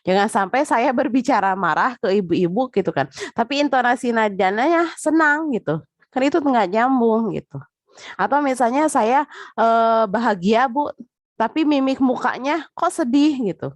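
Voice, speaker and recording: A woman's voice: a little high, expressive, normal speed, no room sound. A woman giving a casual spoken lecture, chatty, with frequent filler tags, talking straight to her listeners.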